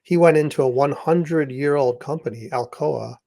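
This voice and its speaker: A man's voice: on the high side, moderate pace, creaky, dark tone, no echo. A man hosting an interview, telling a story with enthusiasm and plenty of fillers and restarts. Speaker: podcast host and author.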